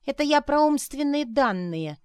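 A woman reading as a sharp-tongued mother around forty, indignant, sarcastic, higher and louder, dry close sound. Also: sing-song, normal speed, dry recording. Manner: shrill, offended, sarcastic retorts.

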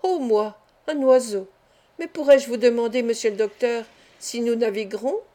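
A woman's voice: a little high, moderate pace, warm tone, close to an everyday voice. A woman reading an audiobook, voicing a cheerful young male acrobat with a chatty, showman-like patter. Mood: playful.

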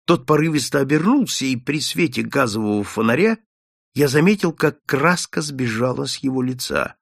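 A man narrating a classic detective story in an expressive, storytelling manner. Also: medium pitch, moderate pace, gravelly, no echo, studio quality. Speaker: audiobook narrator. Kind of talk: scripted narration.

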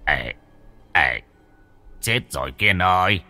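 A narrator putting on a gruff, bossy voice for an old ghost grandfather who was a shaman, low and rough at the edges. The sound is dry and close, with soft music behind. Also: wildly swooping pitch, slow pace, no room sound, exaggerated voice. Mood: dismayed. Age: older. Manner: gruff, commanding.

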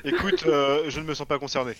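A man's voice: fairly high pitch, wildly swooping pitch, brisk, a crowd in the background. A man playing in a tabletop role-play game, chatting casually and joking along.

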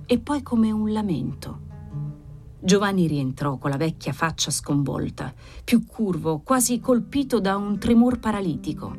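A woman narrating a classic novel as an audiobook, in a measured, expressive reading. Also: mid-range voice, soft background music. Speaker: audiobook reader.

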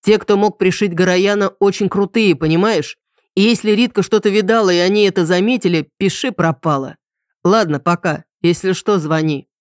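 A woman's voice: medium pitch, normal speed, no room sound, clean studio sound, lightly acted. A woman reading an audiobook, voicing a wry, weary male police detective who teases dryly and turns grave. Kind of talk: audiobook character voice.

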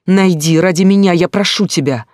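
A man voicing a distraught young woman, desperate and demanding, pleading and rising to shouts. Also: on the high side, expressive, moderate pace, no echo, studio quality, close to an everyday voice.

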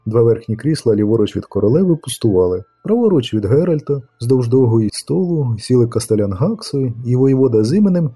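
A man narrating an audiobook in a measured, scripted reading. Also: medium pitch, dark tone, breathy edge, no echo. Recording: dry studio, faint music bed.

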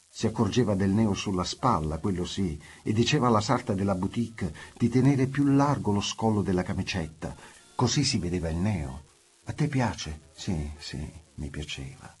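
A man with a deep, very husky voice reads a literary novel aloud. His delivery is intimate and measured, and he shifts smoothly into the characters' voices. Soft music plays faintly behind him. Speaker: audiobook reader. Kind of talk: literary audiobook reading.

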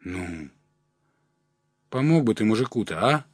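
Brief: folksy pushy sidekick swindler read by a man, husky, lively. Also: lowish voice, unhurried, dry recording, clean studio sound, full character voice. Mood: coaxing. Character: middle-aged male accomplice hustler, pushy sidekick. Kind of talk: audiobook character voice.

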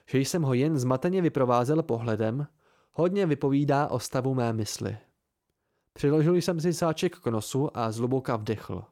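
A man reading a novel aloud in the first person with a measured, even delivery, recorded at home close to the mic. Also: mid-range voice. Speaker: amateur audiobook reader. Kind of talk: first-person audiobook narration.

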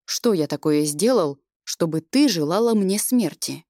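A gruff male demon with wings, as a woman reader puts him on, speaking low and hushed in a storybook reading. The recording is dry and close. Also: lively intonation, measured pace, no room sound. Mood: puzzled.

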